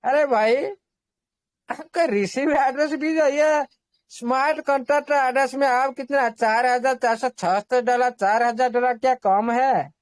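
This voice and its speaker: A man's voice: very high-pitched, fairly even intonation, unhurried, dry recording. A man hosting an online group meeting, explaining casually, repeating himself and reassuring the listeners while mixing in English terms.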